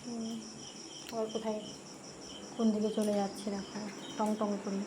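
A woman's voice: medium pitch, level tone, moderate pace, background noise. A woman talking to her pet dog at home, scolding it and coaxing it, and repeating herself often. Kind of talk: casual talk to a dog.

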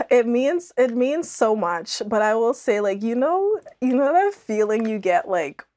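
A young adult woman from Andros in the Bahamas, an author, speaks reflectively and earnestly as a guest on a podcast, seated indoors in a small studio for a conversational interview. Her voice is a little high and very animated, with a darkish tone and a measured pace.

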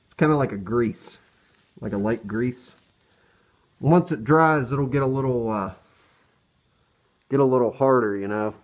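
An American man talking through a respirator mask, muffled, giving a casual hands-on how-to in a halting, plain-spoken way. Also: medium pitch. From Pennsylvania, US. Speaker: DIY truck restorer. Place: cluttered workshop, indoors.

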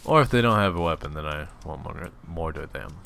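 Low-voiced man rambling over gameplay. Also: lively intonation, a little fast, gravelly, a bit bright. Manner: rambling, joking self-talk; slips into mock hillbilly drawl. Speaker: let's play gamer. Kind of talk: casual gameplay commentary.

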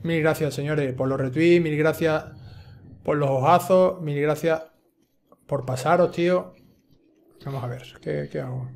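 A man with a Spain Spanish accent streaming a game live, chatty and quick to swear and yell when startled. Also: a little high, gravelly, slight background noise. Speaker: gaming streamer. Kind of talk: live gameplay commentary.

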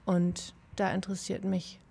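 Woman, film producer, gravelly voice, hesitant, handheld mic. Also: mid-range voice, monotone, measured pace, mellow. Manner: hesitant, many fillers. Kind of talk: workshop self-introduction. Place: bright office meeting room.

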